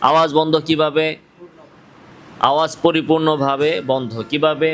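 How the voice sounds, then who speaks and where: In a classroom tajweed lesson, a man with a Bangladeshi Bengali accent teaches how to pronounce Quranic letters. He asks his students questions, answers them himself and demonstrates each sound aloud, speaking at a normal speed in a fairly high voice with little pitch movement.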